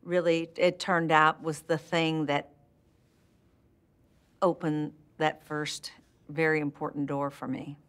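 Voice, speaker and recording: This older actress from Texas has a low, clear, resonant voice and a level tone, speaking slowly with long pauses. Interviewed indoors among curtains and plants, she warmly and candidly reflects on how her acting began, in a Texan accent, laughing frequently and restarting sentences.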